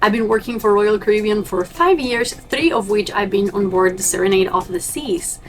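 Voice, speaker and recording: A young woman from Argentina, a native Spanish speaker who works as a cruise ship crew member, vlogs casually to camera, chatting to her viewers in an upbeat, direct way. Her medium-pitched voice is expressive, at a moderate pace.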